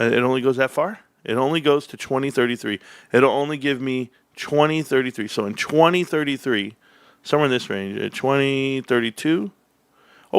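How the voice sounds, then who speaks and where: Gravelly excitable man streaming. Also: dry recording. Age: 40s. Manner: hyped, swings into high excited bursts, then low muttering; calls viewers bros and guys. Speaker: stock livestream host. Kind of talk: casual livestream chat.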